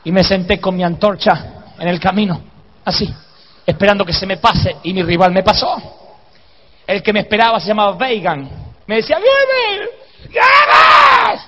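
A man preaching a sermon, telling a comic story and acting out the shouts and groans in it. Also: high voice, moderate pace, long pauses, in a large hall, a little hiss or hum. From Argentina. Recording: dull lo-fi live sermon recording.

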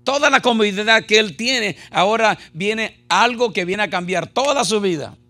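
High-pitched gravelly male preacher. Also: moderate pace. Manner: animated, rhetorical questions, anecdotes and humor. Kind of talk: Spanish-language sermon with call-and-response. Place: church.

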